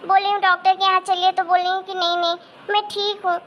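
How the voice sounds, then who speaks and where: A woman's voice: very high-pitched, level tone, fast, highs cut off, a little hiss or hum. A woman voicing a cruel, two-faced young daughter-in-law who talks in a sneering, bossy way in a family drama. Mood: fake sweet. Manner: sneering and bossy, turns sweet and whiny before her husband. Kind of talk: amateur Hindi family-drama acting.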